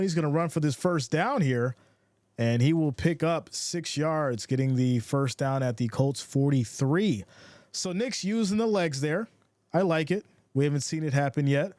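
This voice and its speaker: A man's voice: a little high, a little mellow, no echo, clean studio sound. A man doing casual play-by-play for a football livestream, reading viewer comments between plays in a laid-back way. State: has the hiccups.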